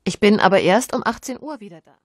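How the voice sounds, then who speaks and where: A woman's voice: medium pitch, fast, no room sound, close to an everyday voice. An actress playing a woman selling a pram in a scripted textbook dialogue recorded in a studio. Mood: firm selling. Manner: clear, even-paced speech. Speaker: seller.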